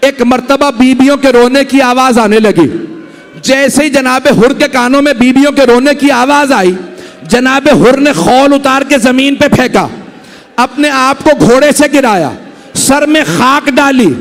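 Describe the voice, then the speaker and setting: A man's voice: very high-pitched, unhurried, in a large hall. A man preaching a mourning sermon, dramatic and emotional, speaking directly to the gathering. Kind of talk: Muharram majlis sermon storytelling.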